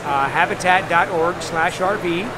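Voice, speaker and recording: A man's voice: a little high, a little slow. An older man, a volunteer, chatting in an upbeat, explanatory way at a booth in a busy show hall. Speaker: volunteer promoting a charity build program. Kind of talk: casual interview explanation. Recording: loud crowd noise behind.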